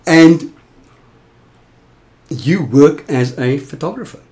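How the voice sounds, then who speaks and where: A man hosting a podcast, introducing episodes and interviewing guests, animated and quick to laugh. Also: on the high side, breathy edge. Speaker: podcast host.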